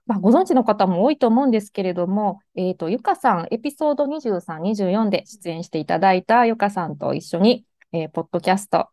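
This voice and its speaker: A woman with a Kansai accent hosting a podcast in casual chat, bubbly and excited, laughing often. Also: mid-range voice, dry recording, studio quality. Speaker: podcast host.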